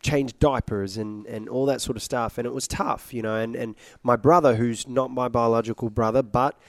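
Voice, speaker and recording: A man's voice: mid-range voice, steady tone, normal speed, no echo. A man talks as a guest on a radio interview, joking and playful. He is from Iraq and works as a singer. The sound is close and dry. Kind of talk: interview conversation.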